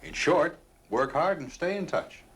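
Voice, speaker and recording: An actor playing a smooth, condescending male union official who brushes off the workers. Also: fairly high pitch, animated, measured pace, a little hiss or hum. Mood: glib. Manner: glib, condescending reassurance.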